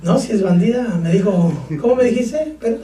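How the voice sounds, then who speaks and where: Pastor de voz aguda predicando en iglesia con eco. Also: male voice, extremely high pitch, lively intonation, a little fast, crowd noise. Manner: preaching with call-and-response, joking asides. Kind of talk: sermon. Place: church sanctuary. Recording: echoey church, far from mic.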